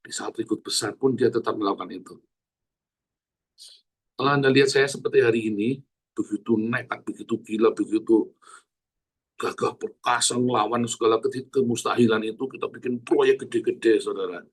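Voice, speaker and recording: Husky, animated preacher with a lilt. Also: male voice, mid-range voice, fairly quick. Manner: animated, earthy, calls out to the congregation. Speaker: pastor. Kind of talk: sermon.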